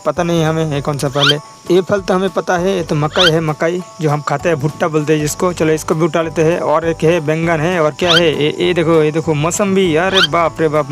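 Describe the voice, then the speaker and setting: Excitable man narrating toy play. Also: on the high side. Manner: excitable, repeats exclamations over and over. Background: background music.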